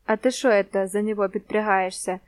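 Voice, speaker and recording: A woman's voice: medium pitch, fairly even intonation, brisk, no echo, lightly acted. A woman voicing a swaggering teenage male street thug who taunts in crude slang, in a storybook reading. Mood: mocking.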